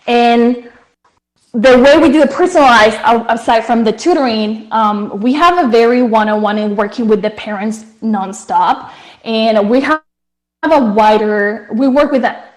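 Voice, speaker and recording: A Colombian woman whose first language is Spanish pitches her startup over a video call, earnestly explaining it with plenty of fillers and restarts. Her voice is a little high and her pace a little slow.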